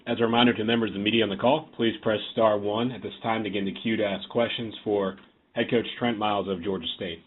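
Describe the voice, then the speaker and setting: Man moderating a media call, formal polite, lowish voice, phone line. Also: steady tone, quick pace, slight background noise.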